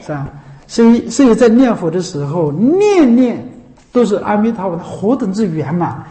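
In an echoey room, a Buddhist monastic gives a dharma talk to a seated audience, repeating rhetorical questions, laughing at times and chanting the Buddha's name. The voice is mid-range and mellow, with big pitch swings, at a normal speed.

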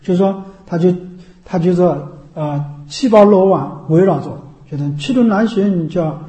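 A man's voice: sits high, a little slow, mellow. A man teaching as a Buddhist teacher in a dharma talk. He explains things over and over and keeps checking with his listeners. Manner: repetitive, explanatory. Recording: echoey room.

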